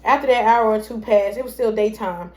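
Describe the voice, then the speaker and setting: A woman's voice: fairly high pitch, brisk, a little mellow. Chatty young woman telling a story. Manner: chatty, rambling, addresses viewers as y'all. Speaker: vlogger telling her story. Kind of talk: casual storytime monologue.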